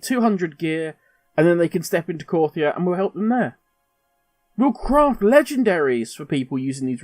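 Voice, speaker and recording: A man with a high-pitched voice hosts a gaming video, ranting emphatically and sharing strong opinions directly with the viewer. The recording is dry.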